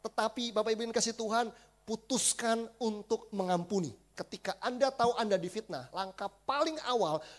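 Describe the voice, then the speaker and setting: A male pastor, preaching a sermon in a chatty, animated storytelling manner and often addressing the congregation directly. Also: high-pitched, normal speed. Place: church service.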